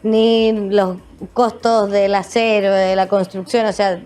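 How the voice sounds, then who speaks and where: A Chilean woman in her thirties hosting a talk show, upbeat and quick, often chiming in. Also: medium pitch, fairly even intonation, warm tone. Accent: Chilean Spanish. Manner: upbeat, fast-talking, chimes in often. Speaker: host. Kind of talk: casual talk-show chat.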